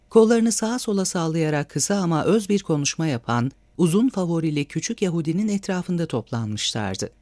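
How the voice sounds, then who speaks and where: A man reading a novel aloud as an audiobook narrator, with measured, expressive storytelling. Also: fairly high pitch, no echo. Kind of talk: scripted narration.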